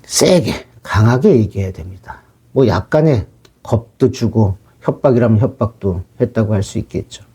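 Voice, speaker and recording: Firm husky man with a dark voice. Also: lowish voice, lively intonation, moderate pace. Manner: firm, lecturing, re-enacts his own stern talk. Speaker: counselor. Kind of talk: spoken commentary on a counseling case.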